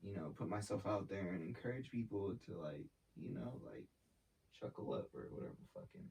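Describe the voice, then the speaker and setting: A man's voice: lowish voice, expressive, brisk, gravelly, a little mellow. A young man, talking casually in an interview in a laid-back, slangy way. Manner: laid-back slangy talk, swearing, filler-heavy. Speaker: artist and brand founder. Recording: voice from a distance off the mic.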